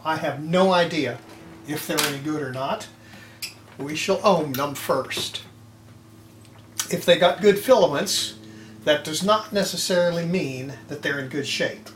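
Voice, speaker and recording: An older hobbyist restorer presents his repair video from a home electronics workshop, his voice on the high side and unhurried. The demonstration is casual and folksy, and he half mutters to himself as he works. Tools clatter and handling noise rings through the roomy echo.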